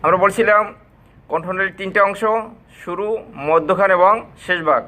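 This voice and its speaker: A man teaching Arabic letter pronunciation, repeating each sound slowly and stretching it out for his learners. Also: high-pitched, fairly even intonation, pushed and bright. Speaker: Quran recitation teacher. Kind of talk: slow, drilled pronunciation lesson.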